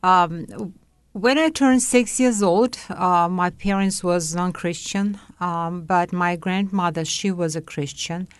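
This is an older woman, giving a personal testimony as an interview guest. She talks very slowly and carefully, pausing often. Her voice is smooth and clear, in a dry, close sound. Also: lowish voice, no echo. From Uzbekistan. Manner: slow, careful, with pauses and hesitations.

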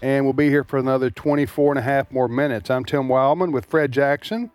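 A man hosting casual talk radio in a studio, folksy and halting, often repeating words. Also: medium pitch, fairly even intonation, darkish tone, dry recording, faint music behind. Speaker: radio host, ministry president.

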